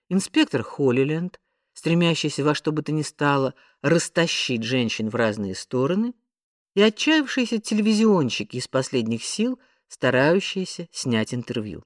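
A man narrating an audiobook in a lively, expressive storytelling voice on a close studio mic. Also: on the high side, no room sound. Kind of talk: scripted narration.

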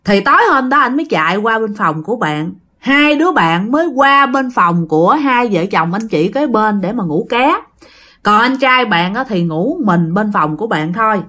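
A woman's voice: mid-range voice, expressive, normal speed, bright, forceful tone. Chatty Southern Vietnamese woman telling ghost stories. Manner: chatty, addresses listeners directly. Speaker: storyteller. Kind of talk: casual ghost story narration.

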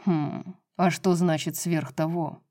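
A woman voicing a low, seductive winged man. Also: fairly even intonation, takes it slowly, mellow. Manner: low murmuring, husky seductive tone. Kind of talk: audiobook reading.

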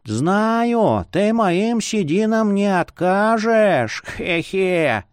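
A man voicing a jovial, wheedling old male librarian with a creaky, cackling voice. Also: sits high, sing-song, very slow, dry recording, studio quality, voice pushed up, heavily acted.

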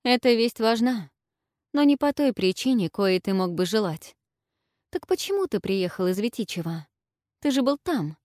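A woman's voice: a little high, very animated, moderate pace, darkish tone, no room sound, clean studio sound, pitched above the performer's own voice. A woman voicing an anxious, proud young princess who speaks with tense urgency in a storybook reading. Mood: agitated.

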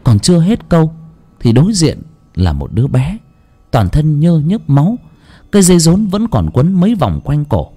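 Animated male ghost story narrator. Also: fairly high pitch, moderate pace, husky. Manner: dramatic, animated.

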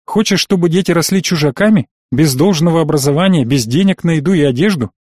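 A man reading aloud plays a cold, scheming older nobleman pressuring his daughter, pitched a touch higher than usual and pushed louder. He talks down in a fatherly tone before snapping into threats. The audiobook is recorded dry and close, with no room sound. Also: lively intonation, fast talker, no room sound. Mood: coldly persuasive. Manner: patronizing, then harsh and threatening. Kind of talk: audiobook character voice.

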